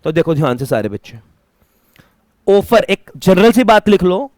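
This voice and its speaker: A man's voice: high-pitched, sing-song, unhurried, darkish tone, no echo. A man teaching a classroom lecture, asking students questions and mixing English terms into his talk. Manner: mixes Hindi with English terms.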